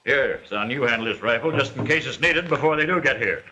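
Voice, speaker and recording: A man's voice: medium pitch, animated, fairly quick, sharp tone, lo-fi sound. An actor playing a plucky, teasing frontier farmer and father with a rural American accent and folksy, bantering talk. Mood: steady, wary. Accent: rural American Western. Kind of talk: old Western film acting. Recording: noisy old film soundtrack.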